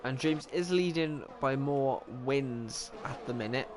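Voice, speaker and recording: Steady background noise runs beneath a young Welsh man's unhurried, mid-range voice. He offers chatty live commentary on an online racing league, frequently making jokes about himself and fixing his own slips.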